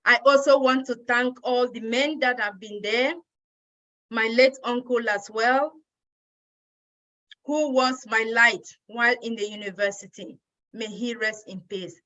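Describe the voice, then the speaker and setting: A woman's voice: a little high, steady tone, unhurried, sharp tone, muffled recording. A woman from Cameroon giving an earnest, grateful personal speech at a women's day event.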